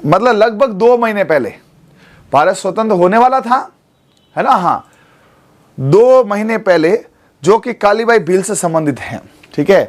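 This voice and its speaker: Male coaching teacher in his forties, light high voice, coaxing classroom manner, studio lesson. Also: expressive, measured pace, long pauses. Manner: coaxing, keeps checking with students. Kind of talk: exam coaching class lecture.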